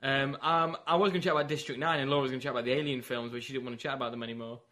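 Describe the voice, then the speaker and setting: A man hosting a casual film chat, quick and chatty, often stopping mid-sentence to restart. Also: medium pitch, steady tone, bright, forceful tone. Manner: quick, chatty, self-interrupting.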